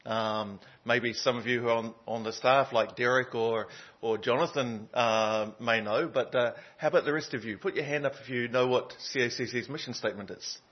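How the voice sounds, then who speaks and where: A man preaching a sermon in a conversational way, filling his pauses with ums and uhs. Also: medium pitch, fairly even intonation. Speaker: pastor. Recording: dull lo-fi sound.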